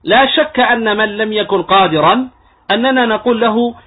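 A man's voice: high voice, moderate pace. A man, an Islamic scholar, giving a religious lecture on jurisprudence and explaining points patiently, at times demonstrating wrong pronunciations. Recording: tinny phone-like lo-fi audio.

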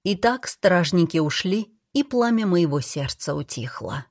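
A woman narrating a fantasy audiobook in the first person, in a measured, steady storytelling manner. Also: on the low side, no room sound, clean studio sound.

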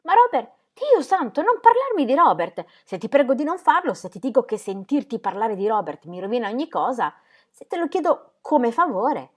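A woman's voice: a little high, very animated, moderate pace. A woman reading aloud, voicing an irritable, impatient male painter who bursts out emphatically. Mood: agitated. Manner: exasperated, emphatic outbursts.

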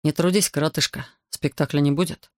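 A reader voicing a proud, defiant young male soldier who answers gruffly and tersely in an audiobook. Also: medium pitch, fairly even intonation, quick pace, a bit bright, no room sound, studio quality, natural voice. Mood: sullen. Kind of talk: audiobook character voice.

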